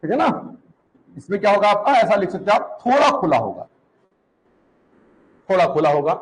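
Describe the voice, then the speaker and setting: A man teaching a class, repeating each term slowly so students can write it down, asking questions and answering them himself. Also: high voice, sing-song, poor audio. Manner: repeats terms for students to copy, asks and answers questions, calls students 'beta'. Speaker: Hindi teacher. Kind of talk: classroom lecture.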